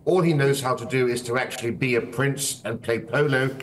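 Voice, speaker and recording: A man giving royal news commentary in a measured, opinionated way, hedging with fillers. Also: mid-range voice, fairly even intonation, distant mic, slight background noise.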